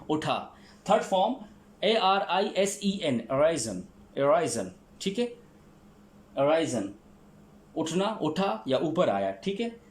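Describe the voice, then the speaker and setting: A man with a Pakistani accent teaching a recorded vocabulary lesson, spelling words letter by letter and checking in with "theek hai" after each one. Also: fairly high pitch. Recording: echoey room.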